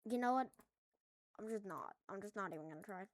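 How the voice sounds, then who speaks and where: A woman's voice: mid-range voice, animated, fast, no echo. A woman at home making a casual coding tutorial, rambling through jokey asides as she works. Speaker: tutorial maker.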